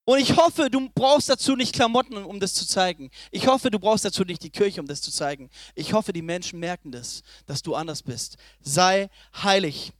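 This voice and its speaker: A young man preaching a sermon, swinging between loud emphatic lines and soft, low asides. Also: lively intonation, fairly quick, hardly any pauses, dry recording, clean studio sound.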